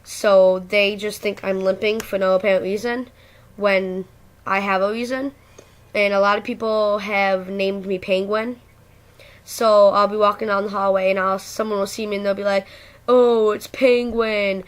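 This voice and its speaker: A woman's voice: medium pitch, flat delivery, moderate pace. A teenage girl speaks in a mid-range voice with a speech impediment, so her r's come out as w's. She talks candidly and casually, as in a personal vlog, rambling along with some slang. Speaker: video blogger. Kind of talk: casual personal talk to camera.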